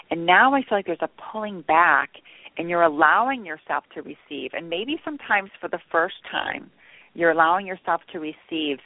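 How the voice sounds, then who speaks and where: A woman hosting as a spiritual medium, giving intuitive readings and guided meditation in halting, repetitive phrases with reflective pauses. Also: low voice, no room sound. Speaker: spiritual medium and show host. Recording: narrow-band telephone or radio line.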